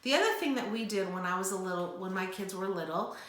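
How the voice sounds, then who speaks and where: A woman's voice: mid-range voice, animated, fast talker, fairly bright tone. An older woman who owns a preschool, giving earnest, reassuring parenting advice and sometimes acting out a child's whine. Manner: earnest, reassuring, acts out whiny child voices. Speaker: preschool owner. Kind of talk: parenting advice talk to camera. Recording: echoey room.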